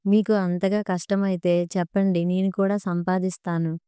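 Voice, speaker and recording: A timid, hurt young housewife , as a woman storyteller reads her, hesitant and pleading. Low, warm and very smooth, close and dry for a storybook audio. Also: little pitch movement, moderate pace, no echo, lightly acted.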